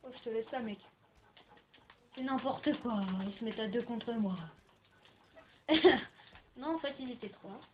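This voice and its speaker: A woman's voice: on the high side, moderate pace, highs cut off, slight background noise. A young woman rambling casually through gaming commentary, with frequent filler words, into a home computer microphone. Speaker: gaming video maker.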